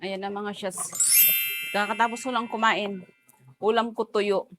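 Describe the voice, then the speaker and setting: A woman's voice: mid-range voice, steady tone, measured pace, music in the background. A woman, chatting casually in a home vlog, mixing in English phrases with giggly asides. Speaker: vlogger.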